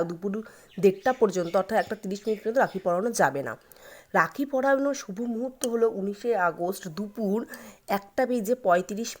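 A woman's voice: mid-range voice, darkish tone. Woman host explaining ritual timings. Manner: earnest, advising, reciting a mantra slowly. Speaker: channel host giving ritual guidance. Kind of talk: instructional explainer.

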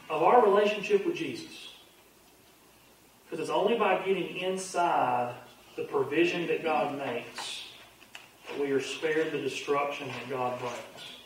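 A man teaching a Bible class as pastor, talking quickly and casually and often doubling back on his words. His voice sits a little high and sounds distant from the microphone. A strong echo fills the big room around him. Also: a little hiss or hum. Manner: fast-talking, conversational, repeats his starts. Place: church sanctuary. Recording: very echoey room, voice from far off.

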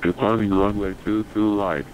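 A man reading an automated airport weather broadcast over the radio in a flat, measured readout of codes and numbers. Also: lowish voice, a little hiss or hum, poor audio. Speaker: automated airport information announcer.

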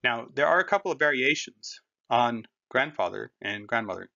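A man's voice: medium pitch, animated, normal speed, vocal fry, pushed and bright. A man teaching a German lesson, patient and conversational, explaining with everyday comparisons. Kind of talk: classroom language lesson. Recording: dull lo-fi recording.

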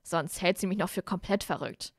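A worried young wizard, voiced by a woman reading aloud, hesitant and a little lower than her own voice. The sound is dry and close, like a home audiobook. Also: moderate pace, dry recording. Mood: stammering. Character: worried young male wizard, best friend.

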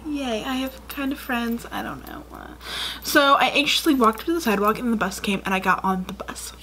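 A woman's voice: on the high side, moderate pace, sharp tone, slight background noise. Chatty young woman, rambling vlog. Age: 20s. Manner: chatty and rambling, many fillers. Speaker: YouTuber. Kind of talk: casual storytelling vlog. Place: dim room indoors.

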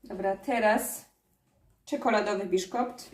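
A woman's voice: mid-range voice, unhurried, a little mellow. A mother vlogging at home, chatting casually as she bakes and thinking aloud, often restarting her sentences. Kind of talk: casual home vlog with baking steps. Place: home kitchen. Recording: echoey kitchen with clattering dishes.

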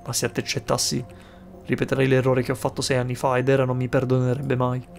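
A man reading aloud a principled male detective's game lines in a plain, steady voice. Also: mid-range voice, quick pace, creaky, faint music behind, natural voice. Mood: resolute.

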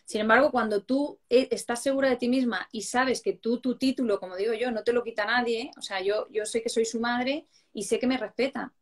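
Higher-pitched woman explaining earnestly. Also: fairly even intonation, a little fast, hardly any pauses. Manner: explanatory, earnest, rhetorical questions. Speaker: psychologist guest. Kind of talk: casual live-stream chat on parenting.

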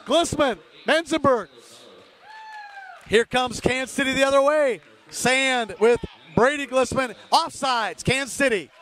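A man's voice: extremely high pitch, normal speed, a bit bright. A man giving amateur play-by-play hockey commentary from rink stands in clipped phrases, openly rooting for the home team. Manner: clipped phrases naming players. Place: indoor ice rink, from the stands.

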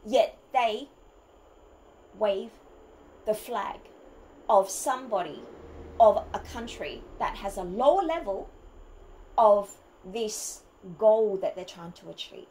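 A woman's voice: medium pitch, expressive, slow pace, pauses often, warm tone, a little hiss or hum, poor audio. A woman from Australia, delivering an argumentative opinion monologue full of rhetorical questions. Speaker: vlogger.

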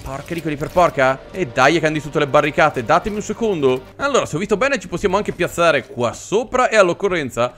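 A young man giving joking let's play commentary on a game, excitable, breaking into yelps and shrieks when surprised. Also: a little high, fast talker, hardly any pauses, soft background music. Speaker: gaming channel host.

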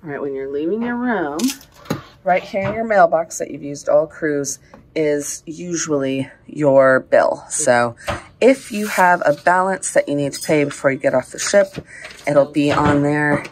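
Female vlogger, 30s, low voice, chatty explainer, phone-at-arm's-length sound. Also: a little slow, background noise. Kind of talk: casual travel vlog narration. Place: small cruise ship cabin. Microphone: camera held at arm's length.

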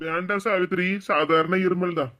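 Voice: medium pitch, steady tone, background noise, natural voice. A voice actor playing a remorseful older village husband in a cartoon, with a Kanyakumari Tamil accent, speaking heavily and reluctantly. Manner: heavy, guilt-laden, slow to explain. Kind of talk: cartoon voice acting.

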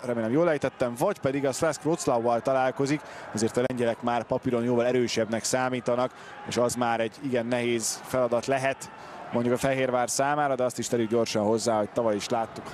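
A man giving excited live football commentary, bursting into shouts of players' names. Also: mid-range voice. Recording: loud stadium noise behind the voice. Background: stadium crowd ambience.

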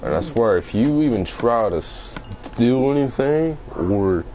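A man's voice: medium pitch, expressive, slow pace. A man streaming a video game, bantering and teasing his friends in casual chat. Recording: muffled lo-fi mic with faint hiss.

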